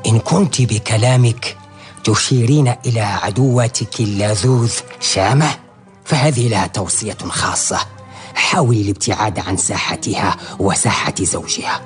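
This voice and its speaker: Casting: male actor for authoritative henchman, lowish voice, measured period radio delivery, faint music behind. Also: lightly acted. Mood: cautioning. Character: authoritative male henchman relaying his master's orders. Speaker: actor in a historical radio serial. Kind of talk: radio drama acting in formal Arabic.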